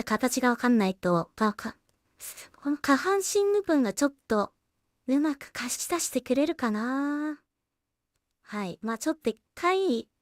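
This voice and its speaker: While working, a woman who creates animation solo and streams offers casual commentary, partly to herself, in brief trailing remarks. Her voice sits on the high side. The sound is studio quality with no echo.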